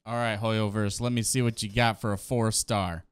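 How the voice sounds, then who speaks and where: Fairly low and clean, with little pitch movement and a moderate pace, the voice belongs to a thirtysomething reaction host. He comments casually and eagerly in slang from a small gaming room at home, close to a desk microphone on a boom arm, music in the background.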